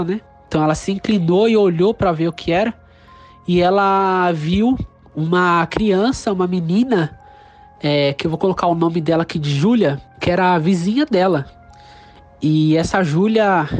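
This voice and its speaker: A podcast storyteller with a Brazilian Portuguese accent, casually retelling a paranormal account in a loose way with many fillers and tag questions. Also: medium pitch.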